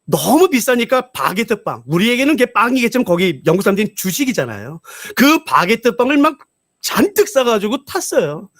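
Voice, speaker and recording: A male pastor giving a broadcast revival sermon, telling a story in an animated way and acting out the voices of its characters. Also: high voice, fairly quick, dry recording, studio quality.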